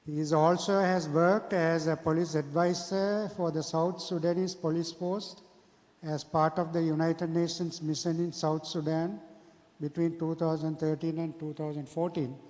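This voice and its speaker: Male event moderator, Sri Lankan accent. Higher-pitched, formal and halting, in a reverberant hall. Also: level tone, a little mellow. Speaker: symposium moderator introducing a speaker. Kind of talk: formal introduction speech. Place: large hall at a symposium. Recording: echoey hall with long reverb.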